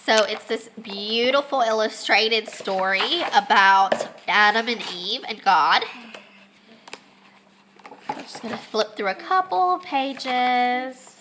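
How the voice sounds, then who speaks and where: A young homeschooling mom, congested and losing her voice, vlogs a lesson at home with her children, chatting casually with lots of ums. Her voice is on the high side and animated, her pace slow, and the background noisy.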